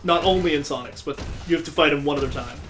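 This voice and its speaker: A man with a slightly high voice talks fast while hosting a let's play of a video game. His casual commentary leans on wry, sarcastic joking, and video game music plays in the background.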